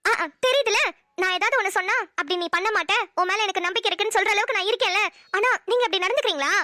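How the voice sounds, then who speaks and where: A fiery, scolding young wife. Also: female voice, very high voice, rapid-fire, dry recording, clean studio sound. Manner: scolding, sharp, threatening. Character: fiery young wife, a medical student with a sharp tongue. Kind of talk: cartoon voice acting.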